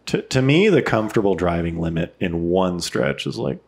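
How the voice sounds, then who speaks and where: Male podcast co-host, lowish voice, casual and sweary storyteller who acts out quoted remarks. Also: very animated, normal speed, gravelly, slightly rough. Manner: frequent swearing. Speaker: podcast co-host recounting road trips. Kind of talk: casual chat.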